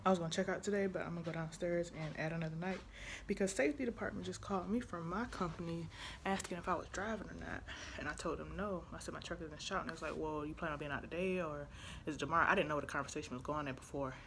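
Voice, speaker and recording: Low-pitched woman vlogging, noisy background. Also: rapid-fire, a bit bright. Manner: informal, rambling. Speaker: truck driver. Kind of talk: casual vlog chat. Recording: clearly noisy handheld vlog audio.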